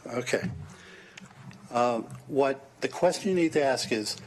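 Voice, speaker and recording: A man giving formal testimony at a county hearing, measured and hesitant with frequent fillers, heard through a hearing-room recording at the podium microphone. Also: mid-range voice. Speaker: land use consultant testifying at hearing.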